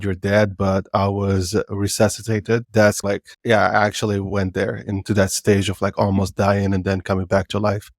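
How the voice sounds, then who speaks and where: A man's voice: on the low side, no room sound, clean studio sound. A man from Morocco, a podcast guest, talking casually and candidly in a loose, rambling, reflective way. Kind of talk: casual interview talk.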